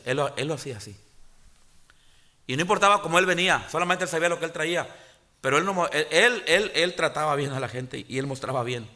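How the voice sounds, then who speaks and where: A pastor, preaching a sermon in church, often pausing to restart and calling out "hermanos". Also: male voice, mid-range voice, sharp tone. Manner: halting restarts and filler sounds. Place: church sanctuary.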